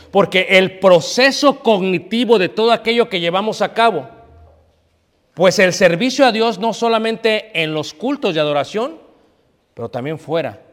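A man's voice: a little high, in a large hall. A male pastor preaching a sermon, scolding his congregation and asking them questions he answers himself. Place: church hall.

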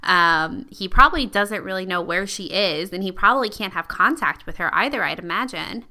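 Bright, smooth young woman chatting casually. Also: mid-range voice, normal speed. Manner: chatty, filler-heavy, animated. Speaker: podcast co-host. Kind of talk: casual fan discussion.

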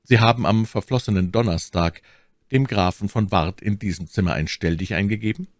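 Gallant young swordsman, courtly and earnest, deep lively voice, dry close sound, audiobook character, voiced by a male narrator. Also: a little fast, dry recording, close to an everyday voice.

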